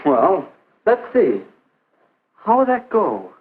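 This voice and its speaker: A young man acting an earnest, hesitant high school athlete in the stilted style of a 1950s educational film. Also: wildly swooping pitch, slow, breathy edge, full character voice. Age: teens or young adult. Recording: narrow phone-like 1950s film soundtrack.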